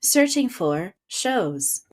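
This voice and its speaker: A woman's voice: medium pitch, very slow, heavily acted. A woman voicing a formal, literal robot paladin in a tabletop game, talking in clipped voice-assistant tones. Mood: robotic. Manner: flat, clipped voice-assistant delivery. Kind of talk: online tabletop role-play.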